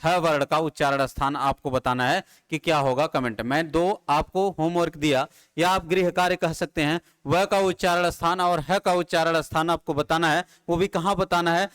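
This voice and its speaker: A man's voice: fairly high pitch, fairly even intonation, normal speed, few pauses, fairly bright tone, clean tone. A man teaching Hindi grammar at a board, asking his students questions and answering them himself in repeated drills. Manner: addresses students familiarly, drilling terms. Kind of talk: classroom lecture at a board. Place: classroom with a board.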